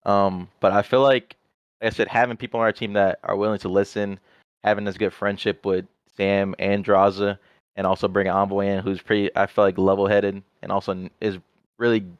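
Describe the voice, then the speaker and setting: A young man, a pro player guesting on a podcast, chats casually with a fairly low, flat, somewhat fast voice that sounds smooth. He rambles, leaning heavily on "like," and although there's no room sound, the audio is slightly muffled.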